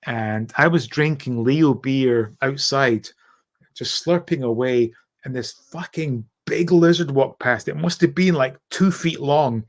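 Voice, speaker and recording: A man's voice: medium pitch, unhurried. A middle-aged man with a Scottish accent hosting a casual livestream, speaking in a candid, self-deprecating and sweary way. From Scotland. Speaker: livestream host. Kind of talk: casual livestream chat, reading out and answering comments.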